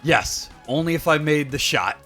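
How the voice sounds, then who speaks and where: A man's voice: fairly high pitch, animated, moderate pace, sharp tone, soft background music. A young adult man streaming a game, telling rambling, joking stories to his viewers with plenty of filler words. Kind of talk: casual chat with stream viewers.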